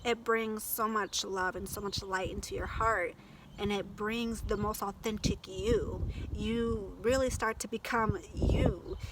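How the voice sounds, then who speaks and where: A woman's voice: mid-range voice, fairly even intonation, measured pace, noisy background. A woman talking in a heartfelt personal vlog, gushing and emotional, with many fillers. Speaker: vlogger.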